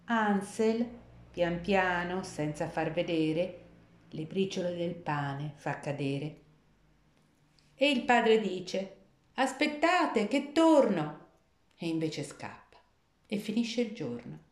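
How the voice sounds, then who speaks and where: A woman telling a fairy tale in rhymed verse, with an expressive, sing-song reading. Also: lowish voice, takes it slowly. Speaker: storyteller. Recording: echoey room.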